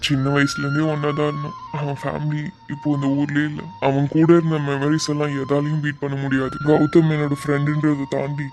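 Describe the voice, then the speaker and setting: A man voicing a loyal, emotional young man who confides softly in a close friend, in an animated drama. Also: on the high side, fairly quick, hardly any pauses, faint music behind, lightly acted. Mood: sad.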